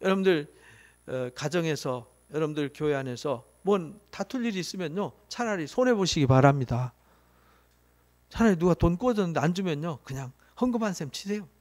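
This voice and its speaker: High-voiced emphatic male pastor. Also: animated, fairly quick, darkish tone. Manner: emphatic, with frequent rhetorical questions. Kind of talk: sermon.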